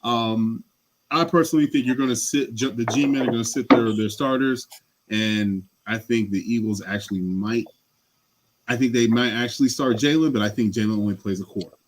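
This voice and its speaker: A man's voice: medium pitch, normal speed, noisy background. A man co-hosting a casual sports podcast, rambling and slangy as he argues his take. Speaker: podcast co-host.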